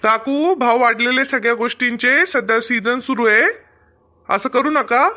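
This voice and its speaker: In a Marathi comedy cartoon dub, a man voices a persistent, wheedling young bag seller who is persuasive and protesting. His heavily acted voice is extremely high, pushed and bright, at normal speed, on a lo-fi recording.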